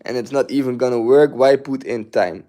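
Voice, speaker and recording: A man's voice: mid-range voice, moderate pace, mellow. Young man, livestream host, casual rambling talk, repeats words, sits at home. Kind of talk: casual livestream chat giving advice. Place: at home, sitting.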